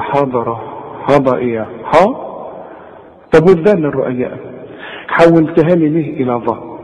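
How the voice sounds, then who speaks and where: Egyptian guy giving a recitation lesson, keeps correcting you, long reverb, dull lo-fi sound. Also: mid-range voice. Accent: Egyptian Arabic. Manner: corrects the listener directly and demonstrates each sound. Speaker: Quran recitation teacher.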